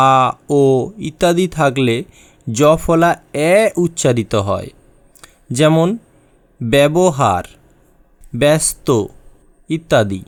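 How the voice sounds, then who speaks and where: A male teacher gives a slow, unhurried lesson, saying each example word on its own with a pause after it. His voice is smooth and clear, recorded close and dry with no room sound. He addresses the students directly as he goes. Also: fairly high pitch, no echo. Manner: reads word lists aloud one by one, addressing students directly. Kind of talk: slow lesson on Bengali spelling and pronunciation.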